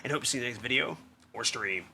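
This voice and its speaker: Excitable man rambling over game footage. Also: medium pitch, rapid-fire, gravelly, a little hiss or hum. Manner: excitable, rambling, repeats himself. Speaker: gaming video host. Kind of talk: casual game commentary. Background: loud music.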